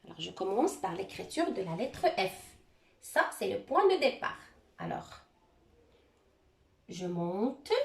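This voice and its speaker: A woman teacher giving a handwriting lesson, explaining each stroke patiently, step by step. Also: mid-range voice. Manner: slow, patient step-by-step instruction.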